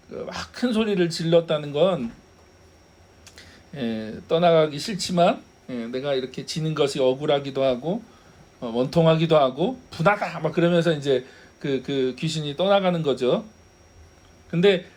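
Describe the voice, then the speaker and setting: A man's voice: high-pitched, a little mellow. A male pastor preaching a Sunday sermon, asking the congregation rhetorical questions and laughing now and then.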